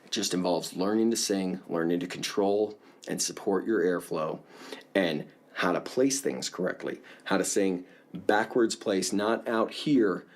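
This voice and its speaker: A man teaching a casual singing lesson, explaining in a relaxed way and often checking in with the viewer. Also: deep voice, measured pace.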